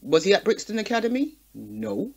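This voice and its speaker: A woman from the Caribbean community in the UK appears as a guest on a radio talk show, arguing passionately and conversationally. Her medium-pitched voice is gravelly, darkish, and slightly rough, with big pitch swings and a moderate pace. She stresses her points emphatically and punctuates them with rhetorical questions.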